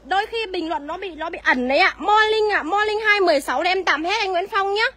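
High, bright saleswoman. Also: dry recording. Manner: brisk salesy patter, reads out viewer comments. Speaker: used car seller. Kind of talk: livestream sales pitch.

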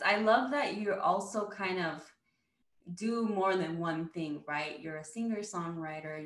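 A woman in her thirties hosting a podcast interview over a video call, welcoming with an occasional Spanish greeting. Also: lowish voice. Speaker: podcast host. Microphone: video call webcam. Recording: roomy video-call sound.

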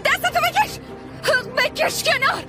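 A woman's voice: very high voice, sing-song, music in the background, full character voice. Frantic young woman. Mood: furious. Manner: shouting, threatening, sobbing. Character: panicked young woman, furious and bewildered. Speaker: dubbed actress playing a distraught young bride. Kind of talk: Persian dub of a drama series.

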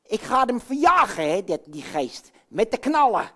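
A woman's voice: a little high, big pitch swings, normal speed. A woman voicing a boisterous male puppet character in a children's puppet show, chatty and blustery, talking to the children. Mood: excited. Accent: Dutch. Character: Jan Klaassen, boisterous male puppet man.

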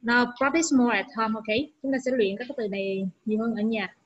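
Husky-voiced woman teacher, lo-fi sound. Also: a little high, fairly quick. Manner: explains patiently, repeats sounds. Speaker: English teacher. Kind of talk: online lesson, mixing Vietnamese and English. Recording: dull lo-fi recording.

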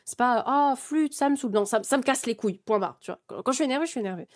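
A young woman streamer with a slightly high voice, ranting to her chat in a casual way. She gets heated, swears a lot and often stumbles and restarts mid-sentence. She sounds close to a desk microphone. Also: very fast. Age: 20s.

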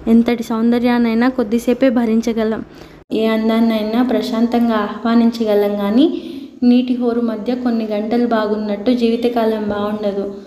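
A woman's voice: a little high, flat delivery, normal speed, dark tone, natural voice. A woman reading the lines of a wry, bitter middle-aged husband in a storybook, with sardonic, self-deprecating remarks.

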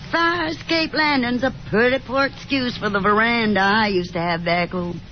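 An actress voices a fussy, talkative, hopeful middle-aged mother in a 1950s radio drama, chattering wistfully in a dramatic, insistent way. Her voice is slightly high and close to an everyday speaking voice, at a measured pace. The recording is a dull, noisy 1950s radio broadcast.

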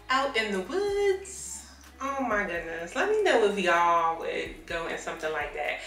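Woman, young adult, casual vlog chat, slow easy pace, slightly distant camera sound, faint music behind. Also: a little high, bright, forceful tone, roomy sound. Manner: chatty and upbeat, gestures while talking. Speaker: vlogger. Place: bathroom of a small rental cabin, indoors.

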